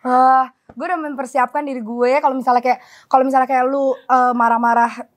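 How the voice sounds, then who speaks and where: A young woman, her voice sitting a little high. She chats casually, telling stories and acting out what people said. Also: fairly quick. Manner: animated storyteller, acts out quotes. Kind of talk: casual chat.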